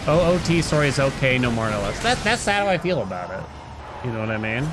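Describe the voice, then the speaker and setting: A middle-aged man commentates a live game stream, chatting casually and thinking aloud as he rambles, sometimes humming little nonsense tunes. His medium-pitched voice is very animated and a little fast, and loud game music plays behind him.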